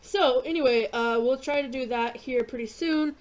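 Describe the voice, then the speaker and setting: A woman casually narrating her gameplay, rambling with lots of fillers and casual swearing, clearing her throat and coughing often. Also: high-pitched, normal speed. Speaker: gaming YouTuber.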